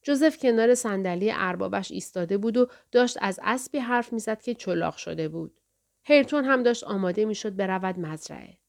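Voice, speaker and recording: A woman narrating an audiobook in a calm, even storytelling manner. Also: mid-range voice, creaky.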